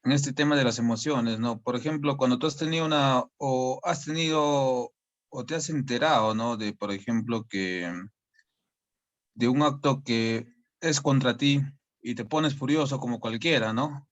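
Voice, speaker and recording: A man's voice: mid-range voice, a little slow, dull audio. A man asking a question in a session, hesitant and restarting as he searches for words. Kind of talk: casual question.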